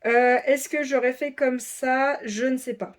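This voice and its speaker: Woman calmly walking viewers through a craft kit. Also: sits high, a little slow. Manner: methodical, lists codes and points out spots; chatty, addresses viewers directly. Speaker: diamond painting channel host. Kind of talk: casual unboxing walkthrough.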